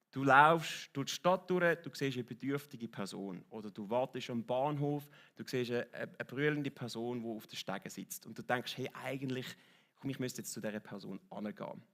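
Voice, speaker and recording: A man's voice: mid-range voice, fairly bright tone. A man with a Swiss German accent preaching a sermon as a pastor, in a conversational, lightly joking way that keeps checking in with his listeners. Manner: conversational, lightly joking, asks the audience "oder?". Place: church hall.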